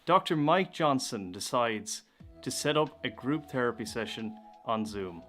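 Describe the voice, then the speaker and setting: A man's voice: mid-range voice, animated, a little slow, fairly bright tone. Irish man announcing a live play. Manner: clear, formal announcing. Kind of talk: live show introduction. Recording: faint music behind.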